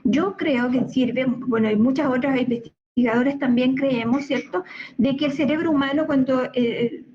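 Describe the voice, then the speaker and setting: Woman, high voice, explainer who keeps checking in; muffled lo-fi audio. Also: moderate pace, dark tone, slight background noise. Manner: checks in often with listeners. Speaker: language researcher. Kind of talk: explanatory talk. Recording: dull lo-fi recording.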